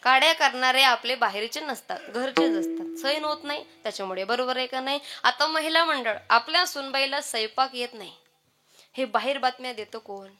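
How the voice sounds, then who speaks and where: A woman preaching a humorous kirtan sermon to a live audience, lively and often asking the crowd whether she is right. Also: sits high, brisk.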